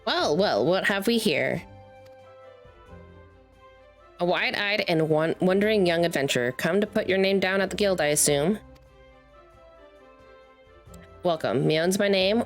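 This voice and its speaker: Lady reading out a motherly guild boss lady in a fantasy game, low n formal, bit of music behind. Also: animated, normal speed, hardly any pauses. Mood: welcoming. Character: motherly guildmaster welcoming adventurers, grave and formal.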